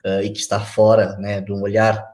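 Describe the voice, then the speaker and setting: A man's voice: fairly low pitch, monotone, a little fast, a little mellow. A Brazilian man in his forties, a guest on a video-call interview, talking reflectively with many fillers and restarts. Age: 40s.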